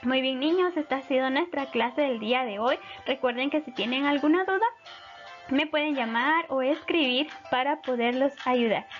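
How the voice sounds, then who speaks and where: A woman teacher giving a recorded English lesson to children, explaining slowly and patiently and switching between Spanish and English. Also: high-pitched, dull audio, faint music behind.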